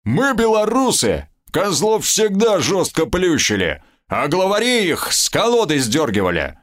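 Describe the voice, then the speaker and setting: A man doing a loud swaggering brawler. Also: sits high, huge pitch swings, unhurried, voice pushed up, full character voice. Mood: boastful. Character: brash boastful male brawler, rough.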